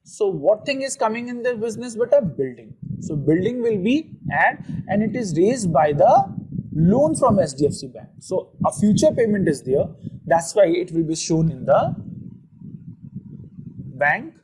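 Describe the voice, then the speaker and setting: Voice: medium pitch, big pitch swings, measured pace, a little mellow, husky, low-quality recording. A teacher with a North Indian accent explaining a lesson step by step, posing questions and answering them, often repeating phrases. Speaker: accounting teacher.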